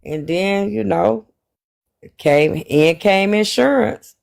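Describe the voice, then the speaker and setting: Man in late forties, fairly high voice, emphatic storyteller. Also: slow, vocal fry. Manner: emphatic storyteller, preachy about money. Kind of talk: casual chat.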